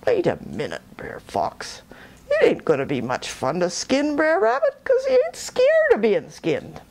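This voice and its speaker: A woman's voice: sits high, huge pitch swings, a little slow, gravelly, darkish tone, voice pushed up, full character voice. A woman voicing a big grumbling male bear in a storybook tale, raising practical objections.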